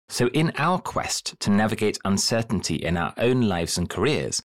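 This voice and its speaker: A man hosting a podcast interview, speaking in a measured, polished way. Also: deep voice. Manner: measured, polished delivery with lively intonation. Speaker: podcast host and coach.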